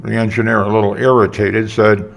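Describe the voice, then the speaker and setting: An older man reading his own story aloud, unhurried, with wry asides. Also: fairly low pitch, flat delivery, creaky.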